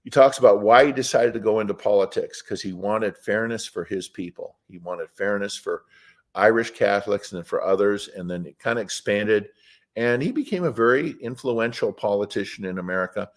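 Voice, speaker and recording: Speaking at a moderate pace in a lowish voice, this interview guest keeps the conversation casual. His storytelling is plainspoken and opinionated, and he digresses, wandering away from the subject.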